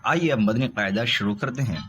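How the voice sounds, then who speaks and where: Man teaching slow, drawn-out recitation. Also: medium pitch, fairly bright tone, a little hiss or hum. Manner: slow repetitive explaining, drawn-out spelled recitation. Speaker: Quran reading teacher. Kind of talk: recorded lesson.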